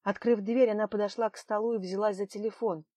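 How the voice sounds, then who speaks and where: A woman reads a novel aloud with even, measured storytelling at a middle pitch. The recording is dry and close, with no room sound. Plain audiobook narration. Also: dry recording. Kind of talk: scripted narration.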